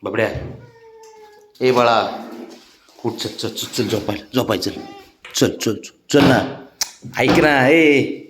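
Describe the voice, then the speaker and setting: Guy slowly sweet-talking his cat, pleading over and over, home video vibe. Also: medium pitch, background noise. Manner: coaxing, pleading baby talk. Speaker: pet owner.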